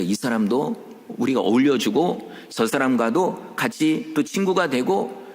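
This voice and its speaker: A man preaching a Sunday sermon as pastor, animated and full of rhetorical questions, acting out quoted voices. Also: medium pitch. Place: church sanctuary. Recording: long church hall reverb.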